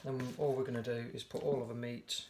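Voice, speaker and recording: Talking quickly in a medium-pitched, hoarse, croaky voice, a man casually demonstrates a recipe at home. He's chatty and relaxed, frequently fixing what he says mid-sentence, and the home video audio is noisy.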